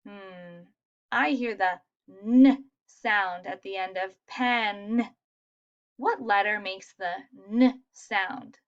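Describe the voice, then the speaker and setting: A woman teaching a phonics lesson to young children, sounding out letters slowly and praising answers. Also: medium pitch, dull audio. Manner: slow, sounding out letters, encouraging.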